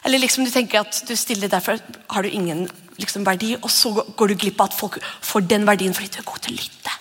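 Lady pastor, husky voice, chatty sermon, big echoey church. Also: medium pitch. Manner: conversational, animated, acts out whispered voices. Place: church hall. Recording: long church reverb.

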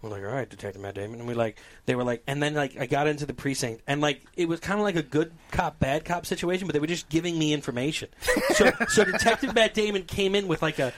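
A man co-hosting a casual talk show, telling a dream story in an animated way, swearing often and acting out voices. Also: on the high side, fast, hardly any pauses, slight background noise. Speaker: podcast co-host.

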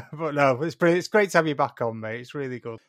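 A man's voice: fairly high pitch, fast talker, no echo, clean studio sound. A man hosting a podcast interview in an informal, matey way with some mild swearing. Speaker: podcast host.

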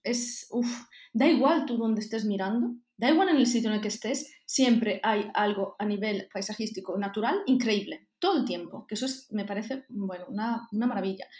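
A woman's voice: medium pitch, darkish tone, reverberant. A woman with a Spain Spanish accent, telling her stories as a podcast guest and acting out her own self-talk. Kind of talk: casual conversation.

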